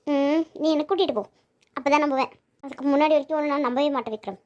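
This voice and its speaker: Cartoon role: woman voicing a feisty young maid, very high squeaky voice, scolds then pleads. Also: steady tone, quick pace, darkish tone, lo-fi sound, lightly acted. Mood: chatty. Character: feisty young woman housemaid, bold and quick-tempered. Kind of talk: cartoon voice acting.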